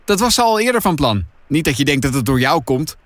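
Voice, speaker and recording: A man doing a stubborn, determined boy in an audiobook, speaking bluntly with a lifted, lively voice. He sounds sure of himself, recorded dry and close. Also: fairly high pitch, fairly quick, dry recording. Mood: matter-of-fact.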